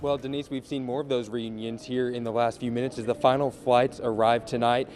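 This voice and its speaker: A man reporting live for the local news from an airport arrivals area, in a measured, polished delivery. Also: medium pitch, little pitch movement, music in the background. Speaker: field reporter. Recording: noisy airport background.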